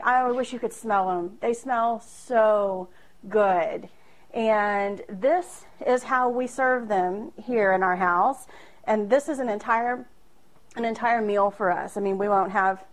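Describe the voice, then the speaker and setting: Slow and medium-pitched, a woman in her thirties demonstrates cooking in a small home kitchen for her video. She's talkative and self-deprecating, often using fillers and laughing, and is filmed by a camera positioned across the room.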